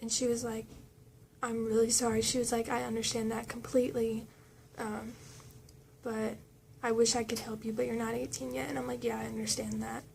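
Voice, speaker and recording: A woman's voice: a little high, level tone, moderate pace, gravelly, darkish tone, a little hiss or hum. A young woman telling a personal story in a casual storytime vlog, chatty and full of fillers as she quotes others. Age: young adult. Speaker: vlogger.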